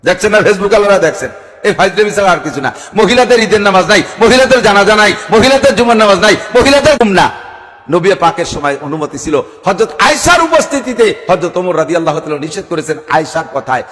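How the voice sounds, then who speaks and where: A man's voice: sits high, expressive, quick pace, a bit bright. A man preaching to a gathering, emphatic and full of rhetorical questions. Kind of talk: sermon at a religious gathering. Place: large outdoor gathering with PA sound. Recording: public address sound with long reverb.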